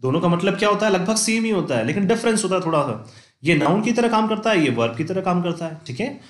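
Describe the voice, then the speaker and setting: A male teacher giving an English vocabulary lesson, repeating points and slowing down to dictate example sentences. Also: sits high, expressive, roomy sound. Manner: repeats points with "theek hai" checks, slows to dictate examples. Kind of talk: classroom-style lesson.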